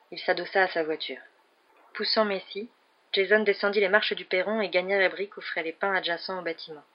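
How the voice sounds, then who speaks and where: Woman reading a novel aloud, dull recording. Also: lowish voice. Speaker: reader. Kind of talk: audiobook narration.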